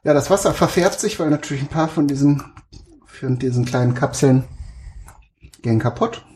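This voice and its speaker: Middle-aged dad, casual kitchen talk, patient and instructive, deadpan jokes. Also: male voice, a little high, moderate pace, a little hiss or hum. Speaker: father.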